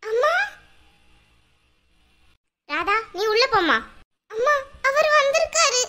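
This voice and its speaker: A woman voicing a gentle young wife who pleads softly in a cartoon. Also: extremely high pitch, sing-song, slow pace, heavy background noise, voice pushed up, exaggerated voice. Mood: pleading. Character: gentle young wife, hurt but hopeful. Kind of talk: cartoon voice acting.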